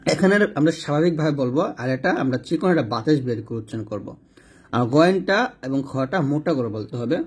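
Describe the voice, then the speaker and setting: Slightly rough and a little high, with lively intonation, a man's voice guides learners through Quran recitation, slowly articulating each Arabic letter and describing its pronunciation as he points at a diagram.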